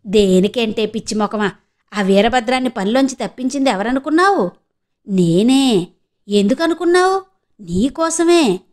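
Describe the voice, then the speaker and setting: A woman's voice: high voice, lively intonation, a little fast. A woman voicing a shrewd, bold village woman who scolds and schemes in rustic speech. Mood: scheming.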